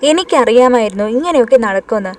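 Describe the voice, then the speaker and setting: A woman voicing a grumbling, cowardly young man in a read-aloud horror story, complaining loudly. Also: fairly high pitch, expressive, fast, close to an everyday voice.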